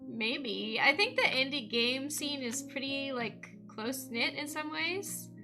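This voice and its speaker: A woman's voice: sits high, animated, a little slow. A woman with a Canadian accent chatting casually on a gameplay livestream, thinking aloud and laughing often. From West Coast of Canada. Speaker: streamer. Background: game music.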